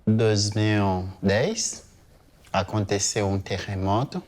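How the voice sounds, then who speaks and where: A man in his thirties from Haiti giving a hesitant museum testimony, pausing often with fillers. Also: fairly low pitch, darkish tone. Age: 30s. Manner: slow, hesitant, many pauses and fillers. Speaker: interviewee.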